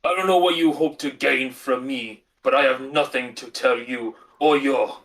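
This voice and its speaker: A sullen, scornful captive orc, as a man puts him on answers with low, muttered contempt. The voice sits at a middle pitch and sounds a bit far from the mic. It belongs in a tabletop role-playing game. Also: fairly even intonation, normal speed, a bit bright, natural voice. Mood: defiant.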